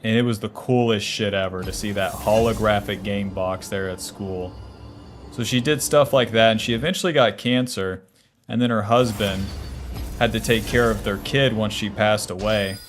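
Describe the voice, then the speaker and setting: While playing on stream, a man in his twenties chats at normal speed in a fairly low voice, faint music behind him. His talk is casual and blunt, peppered with curses, as he responds aloud to questions from chat.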